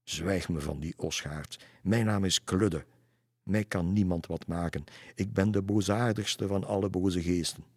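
A man voicing a wolf-faced male spirit who brags about being the wickedest of all ghosts but soon turns sulky. He growls and blusters in a low, husky voice. It is recorded dry and close. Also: a little slow, no echo. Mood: blustering.

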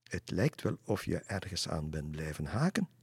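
A man voicing a kindly, mildly concerned father with a gentle, questioning manner while reading a storybook aloud. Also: low-pitched, big pitch swings, normal speed, breathy edge, dry recording, studio quality, big-room sound, exaggerated voice.

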